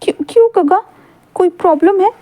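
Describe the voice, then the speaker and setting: A woman's voice: very high voice, normal speed, warm tone, pitched above the performer's own voice. Woman doing a whiny childish young man. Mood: earnest pleading. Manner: pleading, rambling, many fillers.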